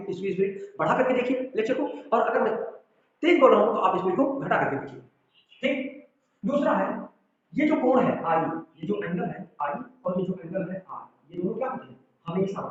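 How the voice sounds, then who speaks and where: A man teaching a physics lesson, explaining step by step and checking with students. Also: high voice. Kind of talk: classroom lecture. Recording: echoey room, far from the mic, dull sound.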